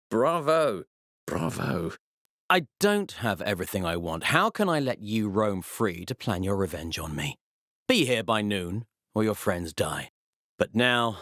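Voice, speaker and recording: Game villain: arrogant mad scientist, theatrical and menacing, very animated intonation, dry studio sound. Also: male voice, fairly low pitch, no room sound, heavily acted. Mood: smug, mocking. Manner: theatrical, pompous, menacing, precise. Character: the Baron, arrogant male mad-scientist villain, cold and gloating. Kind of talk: video game villain dialogue.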